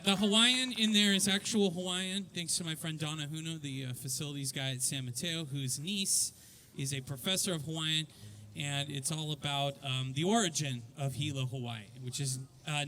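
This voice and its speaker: A middle-aged man, the writer of the musical, speaks to a live audience in a chatty, musing way. His voice is bright and sits a little high for a man. He rambles easily from thought to thought. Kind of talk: casual remarks to a live audience.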